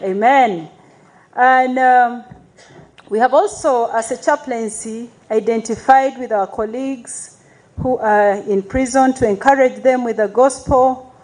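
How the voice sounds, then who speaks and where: A woman, an Anglican chaplain giving a formal, measured address to a congregation, with call-and-response praise. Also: a little high, darkish tone, rough recording. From Uganda.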